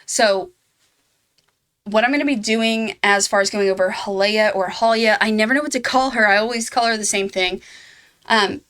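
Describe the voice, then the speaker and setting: A woman's voice: mid-range voice, moderate pace, long pauses, a bit bright. A woman hosting her own game guide video, talking casually and laughing at herself now and then. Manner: chatty, laughs at herself, fillers. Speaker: gaming channel host.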